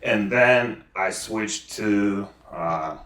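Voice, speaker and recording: A man's voice: fairly low pitch, extremely slow, fairly bright tone, roomy sound, slight background noise. A middle-aged man with a Ukrainian accent, speaking as a guest in a casual interview, hesitant with many fillers and restarts.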